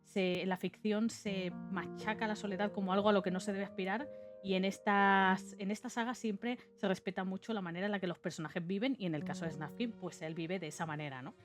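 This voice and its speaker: A woman's voice: medium pitch, fairly even intonation, a little fast. Spanish woman chatting over background music. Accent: Spain. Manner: informal and chatty, with conversational tag questions. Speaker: VTuber video essayist. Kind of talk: casual video essay commentary.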